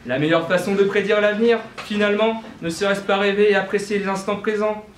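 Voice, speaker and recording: A man's voice: high voice, fairly even intonation, fairly quick, background noise. A young man delivering a student eloquence-contest speech, declaiming with rhetorical questions and small self-corrections. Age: young adult. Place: university lecture hall. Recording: roomy hall with faint ambience.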